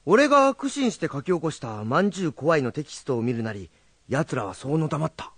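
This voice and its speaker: An actor playing a hot-headed young rakugo storyteller, blunt and quick to scold. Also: male voice, fairly high pitch, very animated, dry recording. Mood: gruff. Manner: gruff, rough-tongued and quick to scold. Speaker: rakugo storyteller teaching students. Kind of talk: film drama acting.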